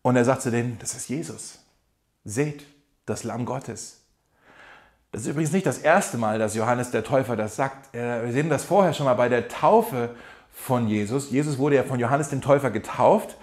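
A man preaching a sermon in a lively, animated way, acting out quotes and laughing now and then. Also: mid-range voice, brisk. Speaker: pastor.

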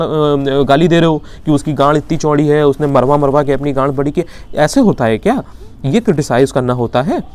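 A man with an Indian accent delivers a heated YouTube opinion piece. His voice sits a little high for a man, and he presses his points with one indignant rhetorical question after another. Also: a little mellow. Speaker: YouTube commentator. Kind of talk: opinion commentary vlog.

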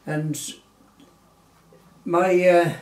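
Old gent in his 90s, reminiscing for an oral history, rather high voice, roomy echo. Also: level tone, darkish tone. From Galway, Ireland. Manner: rambling, with many pauses and fillers. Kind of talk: unhurried storytelling reminiscence. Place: small living room indoors, seated in armchair. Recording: roomy living-room echo.

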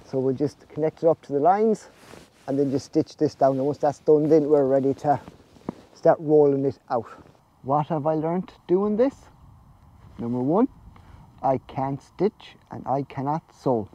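With a mellow, fairly high voice and an unhurried manner, a snail farmer from Ireland in his forties casually talks through farm jobs in his vlog. He's outdoors under netting on the farm, and the sound is lo-fi.

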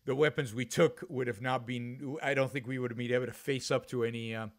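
Fairly quick and fairly even in intonation, his medium-pitched voice belongs to a man in his fifties from Israel. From a home office, he hosts talk radio alone, headphones on, speaking earnestly into a studio mic with a pop filter and often restarting or using fillers.

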